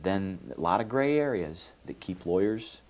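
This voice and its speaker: A man's voice: sits low, animated, normal speed, darkish tone. A man from Venezuela, a lawyer answering interview questions in a folksy, explanatory way with many fillers. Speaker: lawyer, guest. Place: TV studio.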